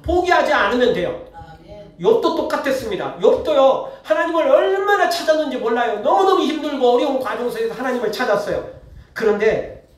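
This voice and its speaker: A man's voice: very high-pitched, animated, a little fast. A male pastor giving a conversational sermon, acting out blunt voices as he tells it. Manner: conversational preaching, acts out the wicked in blunt speech. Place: church sanctuary. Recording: echoey church hall, mic at a distance.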